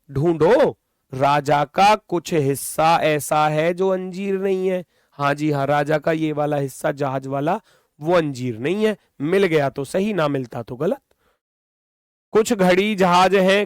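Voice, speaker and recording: A man's voice: high-pitched, unhurried, no room sound, clean studio sound. A man teaching a reasoning class online, explaining with lots of repetition and scolding students now and then.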